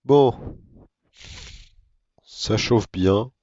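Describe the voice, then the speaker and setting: Low-voiced man in monotone game commentary. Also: drawn-out words, no echo, highs cut off. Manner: monotone, self-mocking asides. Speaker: gaming video creator. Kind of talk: casual gameplay commentary.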